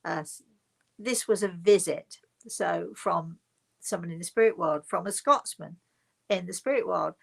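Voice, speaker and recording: Her lowish voice is a little slow and creaky as she, a spiritual medium, relates a personal story to an online audience. The tone is informal and emphatic, full of drawn-out and repeated words.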